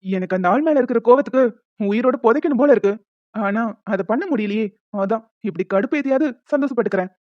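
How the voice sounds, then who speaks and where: A woman's voice: fairly high pitch, quick pace, no echo, lightly acted. A woman voicing a teasing, playful young man in a cartoon. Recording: dull lo-fi, dry.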